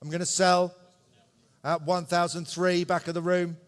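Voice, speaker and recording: A man's voice: high-pitched, little pitch movement, smooth. Male auctioneer in an echoey hall. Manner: brisk, clipped repetition of numbers, polite asides to bidders. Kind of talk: live auction calling, running bid commentary. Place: large indoor auction room. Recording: echoey hall with long reverb.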